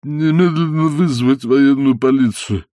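A man voicing a pompous older colonial official who blusters and shouts in indignation. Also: medium pitch, expressive, normal speed, no room sound, clean studio sound, close to an everyday voice. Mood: outraged.

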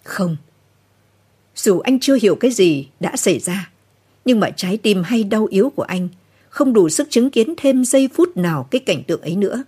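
A woman narrating a novel in a slow, somber late-night reading. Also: mid-range voice, animated, warm tone, breathy edge.

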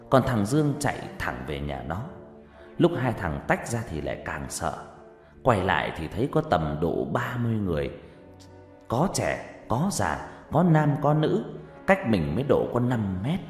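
A man narrating a horror story, shifting between hushed and shouting. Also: sits low, sing-song, normal speed. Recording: echoey room with faint music.

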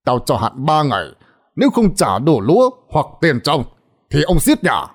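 A man's voice: a little high, huge pitch swings, normal speed, exaggerated voice. A man voicing a stern, rich old landlord in a storybook tale who scolds and threatens.

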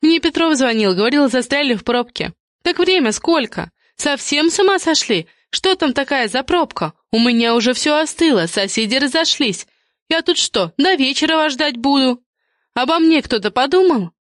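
A squealing, gossipy middle-aged woman, put on by a female narrator nags at high pitch in quick chatter. The sound is dry and close, as in a read storybook. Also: lively intonation, no room sound. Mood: indignant. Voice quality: shrill, squealing. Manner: rapid nagging chatter.

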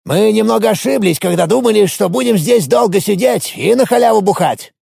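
A high gravelly grumbling dwarf. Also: male voice, expressive, fairly quick, a little mellow, no echo, studio quality, full character voice. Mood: indignant. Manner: gravelly, squeaky and complaining. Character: loud grumbling male dwarf, cheeky and boastful. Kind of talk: audiobook character voice.

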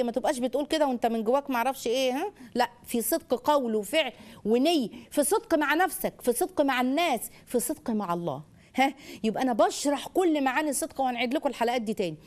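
An Egyptian woman with a high voice hosts a call-in parenting show. She talks very fast and turns animated and sing-song when she models phrases for children. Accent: Egyptian Arabic. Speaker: parenting educator and radio show host. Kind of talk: call-in advice talk.

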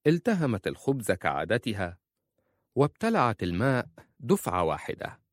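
A man reading a novel aloud in measured, even scripted narration. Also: medium pitch, no echo, studio quality. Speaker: audiobook narrator.

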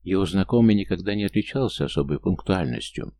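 A male audiobook narrator with a deep, gravelly voice. His tone is dark and mellow. He reads the story in a measured, steady way. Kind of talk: scripted narration.

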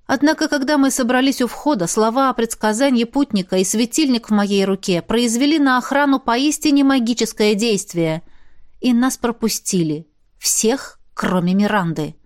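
A woman narrating a first-person fantasy audiobook in a steady, expressive reading. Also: fairly high pitch, moderate pace.

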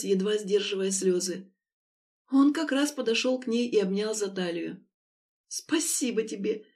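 Woman narrating a dramatic audiobook. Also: medium pitch. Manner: expressive, dramatic reading. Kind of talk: scripted narration.

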